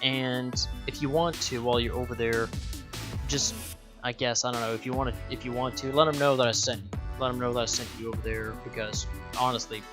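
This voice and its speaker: A man's voice: medium pitch, fairly even intonation, fairly quick, over music. A young man from Denmark, a YouTuber, talking casually to his viewers, rambling, correcting himself and swearing offhand. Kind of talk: casual direct-to-camera vlog.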